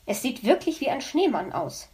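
A woman's voice: high voice, big pitch swings, moderate pace, mellow. A woman voicing a busy, chatty mother hedgehog in a storybook, motherly and fond.

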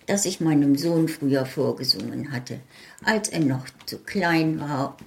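Woman, author reading her short story, low voice, very slow, calm, measured. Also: creaky.

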